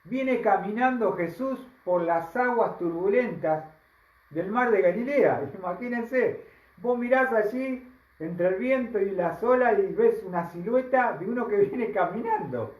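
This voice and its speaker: A male pastor with a Rioplatense Spanish accent preaches a sermon slowly and emphatically, frequently posing rhetorical questions to the congregation. His voice is high with lively intonation, and the poor-quality audio was captured in an echoey room.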